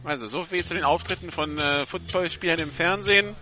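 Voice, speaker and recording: A man calling an American football game live for radio in brisk play-by-play from a stadium press box. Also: fairly high pitch. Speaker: play-by-play commentator. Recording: dull sound with stadium music. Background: loud stadium music.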